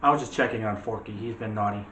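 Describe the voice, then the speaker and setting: A man co-hosts a casual movie discussion show, sharing opinions in a rambling, argumentative, conversational style. His voice is fairly low and fairly bright, and he talks quickly. The room is echoey with faint background noise.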